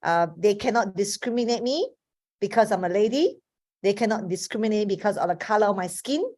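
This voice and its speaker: An earnest Malaysian woman in her fifties, whose first language is Chinese, gives a motivational webinar talk over a video call, restarting often. Her medium-pitched voice is brisk and a little mellow.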